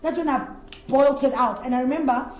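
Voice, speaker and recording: A woman's voice: high voice, fairly even intonation, normal speed, a little mellow, a little hiss or hum. A woman from Africa, an interview guest telling her personal story in an earnest, rambling way. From South Africa. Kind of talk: candid personal testimony. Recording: echoey room.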